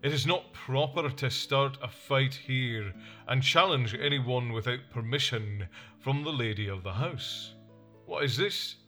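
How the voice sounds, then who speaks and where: A man reading an audiobook voices a stern warrior king who speaks in a cool, measured, reproachful way. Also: mid-range voice, pushed and bright, faint music behind. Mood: calm.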